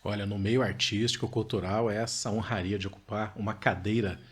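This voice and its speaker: A man with a Brazilian accent co-hosting a podcast, making calm, reflective remarks. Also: fairly low pitch, fairly quick, husky. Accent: Brazilian Portuguese. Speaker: podcast co-host. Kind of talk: casual conversational podcast chat.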